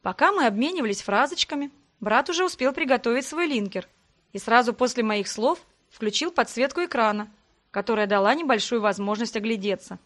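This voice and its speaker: A woman giving a lively, expressive first-person audiobook narration. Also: on the high side, a little fast.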